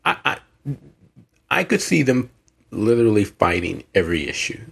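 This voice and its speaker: A man with a Southern US accent, co-hosting a podcast in a rambling, animated casual chat. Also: on the low side, moderate pace, gravelly, breathy edge. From American South. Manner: animated, rambling, with frequent restarts. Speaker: podcast co-host.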